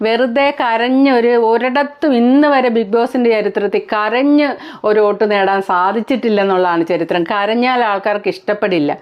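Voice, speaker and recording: A woman's voice: fairly high pitch, normal speed, muffled recording. A woman from Kerala giving blunt, critical reality-show commentary as a vlogger, full of rhetorical questions.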